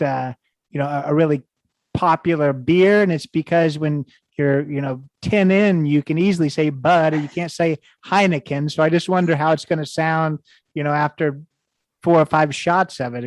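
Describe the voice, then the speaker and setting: A man's voice: a little high, dry recording. A man hosting a casual podcast interview, rambling and hesitant with many false starts. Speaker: podcast host.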